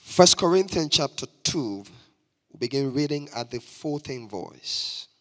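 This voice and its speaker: A man's voice: medium pitch, expressive, measured pace. A man from Liberia, giving an emphatic sermon as a guest preacher and having the congregation repeat phrases after him. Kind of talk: church sermon. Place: church sanctuary. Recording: long church reverb.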